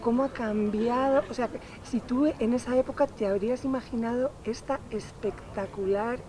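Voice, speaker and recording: A woman's voice: on the high side, steady tone, normal speed, noisy background. A woman interviewing, searching for her words with many restarts. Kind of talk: interview questions.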